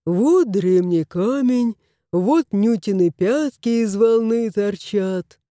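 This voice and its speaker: Drawling storybook cat, lazy and smug, slow, read by a woman. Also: medium pitch, mellow, no room sound, studio quality, natural voice. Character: lazy, smug, spoiled male house cat.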